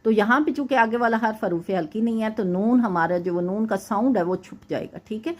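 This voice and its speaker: A woman's voice: medium pitch, a little mellow, lo-fi sound. Patient woman teaching Quran recitation. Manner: patient, explains step by step, often checks in with "okay"; recites verses slowly and drawn out. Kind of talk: teaching tajweed, correcting a student's recitation.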